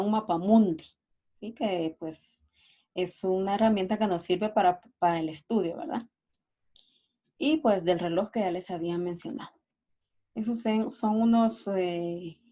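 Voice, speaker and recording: A woman's voice: medium pitch, dark tone. A woman teacher, going through a class review step by step and often checking in with "right?". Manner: explains step by step, often asks "¿verdad?" and "¿sí?". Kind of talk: recorded class review lesson. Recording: dull lo-fi recording.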